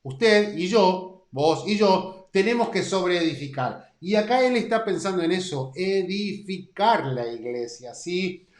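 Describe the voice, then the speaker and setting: A man in his thirties with a Rioplatense Spanish accent leads a Bible study, animated and emphatic. His voice sits fairly high and often rises for emphasis. The room gives his words a noticeable echo. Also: measured pace, few pauses. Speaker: Bible teacher.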